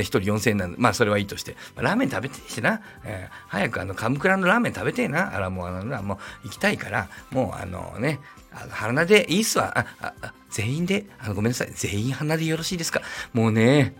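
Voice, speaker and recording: Gravelly, husky man telling a story. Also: mid-range voice, fairly bright tone. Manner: rambling, chatty, wry asides. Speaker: podcast host. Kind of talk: casual storytelling monologue.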